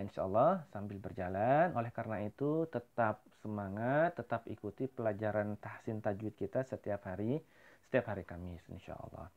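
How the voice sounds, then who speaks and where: A man's voice: mid-range voice, phone-quality sound. A man with an Indonesian accent teaching Quran recitation to children in an online lesson, explaining plainly and asking questions he then answers. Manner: explains plainly, then chants verses slowly with rising and falling melody.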